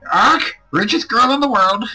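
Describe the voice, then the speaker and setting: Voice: medium pitch, lively intonation, normal speed, over music, natural voice, poor audio. A man voicing a greedy, cheeky pirate's parrot in a visual novel read-aloud, exclaiming in short, squawky bursts. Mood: echoing.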